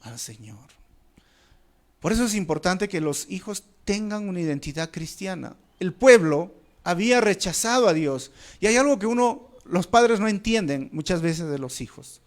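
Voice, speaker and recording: Higher-voiced man preaching a Bible study. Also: expressive, normal speed. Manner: pastoral, addresses listeners as brothers, drops voice on key words; rhetorical questions and exhortations. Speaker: pastor. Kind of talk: expository Bible study sermon.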